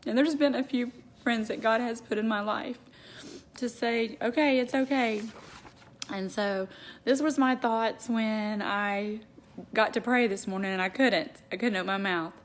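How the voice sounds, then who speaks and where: A woman's voice: a little high, measured pace, a little hiss or hum. Earnest woman sharing a devotional. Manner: earnest, confiding, reads a prayer aloud. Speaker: faith vlogger. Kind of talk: casual devotional talk to viewers.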